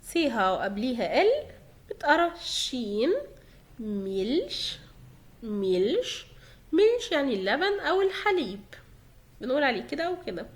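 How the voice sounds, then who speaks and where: Young Egyptian-accented woman, a bright, high, lively teacher who repeats words slowly and patiently. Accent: Egyptian Arabic. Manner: patient, repeats each example word slowly. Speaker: German pronunciation teacher. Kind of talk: explanatory lesson in Egyptian Arabic.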